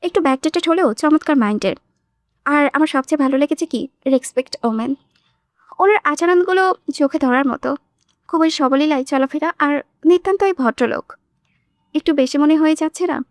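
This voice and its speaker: A woman voicing a spirited, sharp-tongued young woman who talks in a lively, defiant way in an audiobook drama. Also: high voice, moderate pace, pauses often, dry recording, studio quality, natural voice. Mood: enthusiastic.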